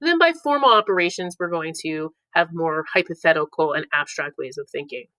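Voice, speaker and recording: A woman's voice: low-pitched, lively intonation, brisk, bright, forceful tone, no room sound, rough recording. A woman teaching a review lesson, playful, breaking into silly voices for the clues between explanations. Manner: playful, reads clue lines in put-on voices.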